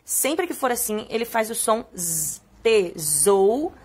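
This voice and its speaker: A young adult woman teacher with a Brazilian Portuguese accent, reading a poem aloud and explaining words to young children, stretching key words slowly in a sing-song way. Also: a little high, very animated, husky.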